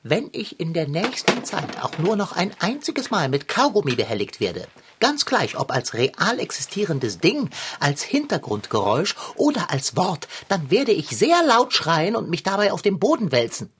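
A woman's voice: fairly low pitch, big pitch swings, moderate pace, few pauses, slight background noise. A woman doing a pompous, fussy tomcat. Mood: outraged. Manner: pompous, theatrical complaining. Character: fussy, dramatic, self-pitying male tomcat. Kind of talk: children's audio drama.

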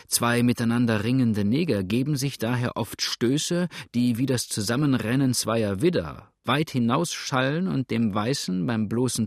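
A male narrator reads a story aloud in an even, steady manner at a middle pitch. The recording is dry and close, with no room sound. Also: no echo. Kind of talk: scripted narration.

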